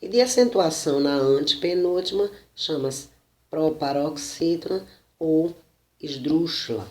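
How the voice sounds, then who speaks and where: A Brazilian teacher giving a slow spoken lesson, explaining and checking in with the listener as he goes. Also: medium pitch. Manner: slow, deliberate, frequent "né?" and self-corrections. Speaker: Portuguese teacher. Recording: roomy echo.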